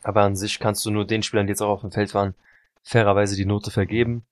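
A man's voice: lowish voice, level tone, fast, no room sound, clean studio sound. A sleep-deprived man, rambling through a casual football podcast chat and often correcting himself. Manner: rambling, self-correcting, apologetic. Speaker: podcast co-host.

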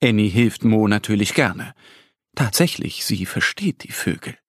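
A man narrates a children's story slowly and gently. His pitch moves lively through each phrase, and his voice is slightly husky. The recording is close and dry. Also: dry recording.

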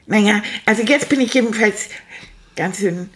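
A woman's voice: medium pitch, normal speed, lightly acted. A woman doing Manfred, a hyper plush rat. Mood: sheepish. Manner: breathless rambling storytelling, giggly and hyper. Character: chatty excitable male plush toy rat. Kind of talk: puppet storytelling for children.

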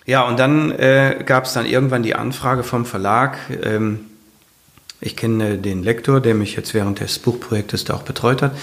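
A man in his fifties tells his story in a relaxed interview. He is earnest and rambles, with frequent fillers and restarts. His pitch sits in an ordinary middle range. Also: normal speed. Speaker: guest, firefighter and author. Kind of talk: casual conversational interview.

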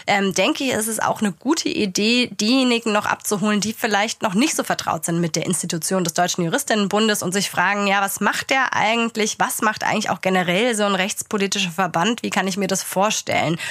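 Measured German-speaking woman podcast host. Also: mid-range voice, fairly bright tone, no room sound, clean studio sound. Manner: measured, with frequent fillers. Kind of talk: podcast intro and discussion.

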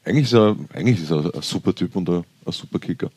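An Austrian man hosts a sports podcast in a joking, chatty way, full of quick asides. His voice sits low with a husky edge. The sound is close and dry. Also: lively intonation, darkish tone, no room sound. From Styria, Austria. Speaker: podcast host. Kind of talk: casual sports podcast chat.

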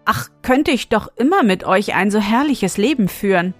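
A woman voicing an earnest, dreamy young man who speaks quietly. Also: medium pitch, animated, normal speed, faint music behind, lightly acted. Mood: longing.

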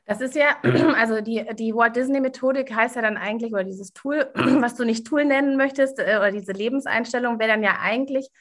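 A woman hosting a podcast who talks haltingly, often restarting and seeking agreement. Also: fairly high pitch, a bit bright. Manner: hesitant, many fillers and restarts, asks for agreement. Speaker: podcast host. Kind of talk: podcast conversation.

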